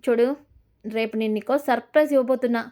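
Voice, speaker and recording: A woman voicing a caring young husband who looks after his wife and teases her gently. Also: fairly high pitch, steady tone, quick pace, lightly acted. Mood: teasing.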